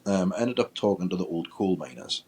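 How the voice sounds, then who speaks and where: A man, a paranormal investigator, telling a ghost-hunting story in a lively way and acting out his own reactions. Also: sits low, fairly quick, breathy edge. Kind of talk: storytelling in casual chat.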